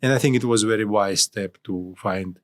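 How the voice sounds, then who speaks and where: A man from Ukraine, speaking as a guest analyst in an interview, with halting phrasing and frequent restarts. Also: on the low side, fairly bright tone. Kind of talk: interview discussion.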